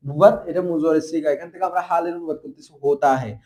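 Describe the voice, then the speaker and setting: A man's voice: on the high side, fairly even intonation, rapid-fire, dark tone. A man teaching a madrasa grammar lesson, quizzing his students with constant rhetorical questions. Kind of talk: classroom Arabic grammar lesson.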